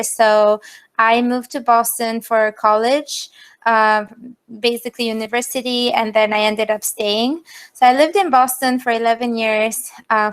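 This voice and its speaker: A woman's voice: on the high side, clean tone. A woman in her thirties with an Albanian accent, giving an informal career presentation to students over a video call as a guest speaker.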